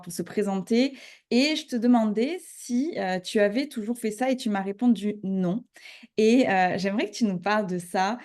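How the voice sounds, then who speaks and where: A woman's voice: medium pitch, darkish tone. A woman hosting a podcast interview, enthusiastic and chatty, asking rambling questions. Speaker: podcast host.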